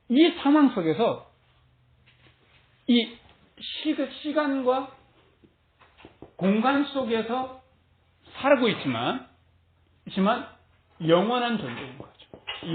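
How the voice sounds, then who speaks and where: A man's voice: very high voice, a little hiss or hum. A male pastor preaching a sermon, telling stories animatedly and laughing often. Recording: tinny phone-like recording.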